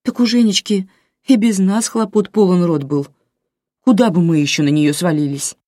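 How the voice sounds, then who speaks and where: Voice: medium pitch, normal speed, mellow, no room sound, studio quality, voice pushed up, lightly acted. A reader voicing a tearful old grandmother. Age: older. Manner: plaintive, tearful. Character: tearful elderly grandmother, soft and fretful.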